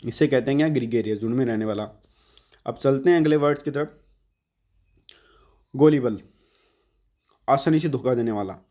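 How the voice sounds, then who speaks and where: A man teaching English vocabulary for exams, explaining words in Hindi and drawing out the English definitions slowly. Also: mid-range voice, warm tone. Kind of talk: exam-prep vocabulary lesson.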